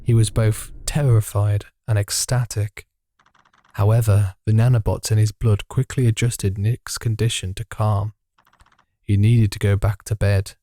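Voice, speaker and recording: A man's voice: on the low side, level tone, a little slow, dark tone. A man playing a visual novel, reading its narration aloud and reacting with swearing and jokes. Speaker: gaming video host.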